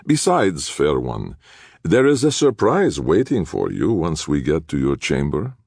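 A man voicing a smarmy, leering courtier who talks in flowery, ingratiating flattery. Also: rumbling low, unhurried, vocal fry, slightly rough, no echo, clean studio sound, heavily acted.

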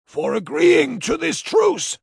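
A man voicing a burly alien warlord with a guttural, hoarse voice in an audiobook. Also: extremely high pitch, wildly swooping pitch, slow, no echo, clean studio sound, voice pushed up, exaggerated voice. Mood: formal. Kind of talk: audiobook character voice.

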